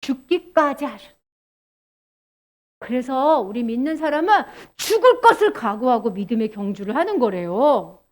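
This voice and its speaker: A woman preaches to children in a very high voice. Her pitch swings up and down with animated, sing-song energy. She keeps asking the children questions as she teaches. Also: normal speed. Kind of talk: children's sermon.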